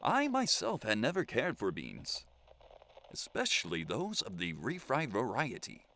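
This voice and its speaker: A man's voice: medium pitch, wildly swooping pitch, unhurried, bright, forceful tone, slight background noise, full character voice. A man playing an eccentric, lonely survivor who hosts his own radio show, speaking in a theatrical, flowery, mock-formal way. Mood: whimsical. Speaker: lone radio broadcaster. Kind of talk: audio drama monologue.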